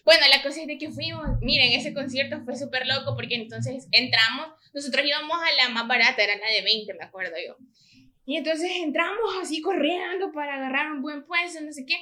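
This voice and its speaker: A woman's voice: high-pitched, brisk. A young woman with a Salvadoran accent chatting on a podcast, telling a story and acting out the voices of people in it. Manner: lively storyteller who acts out quoted voices. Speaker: podcast co-host. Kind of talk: casual chat.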